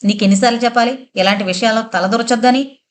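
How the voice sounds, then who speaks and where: A woman's voice: fairly high pitch, steady tone, fast, close to an everyday voice. Harsh young husband in an audio novel, curt and stern, read by a woman.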